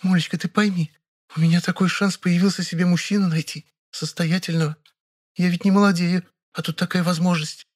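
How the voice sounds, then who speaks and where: High-pitched flirtatious woman in her thirties, put on by a male narrator, coaxing, whiny, storybook reading. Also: steady tone, fairly quick. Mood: pouting. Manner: coaxing, whiny when refused.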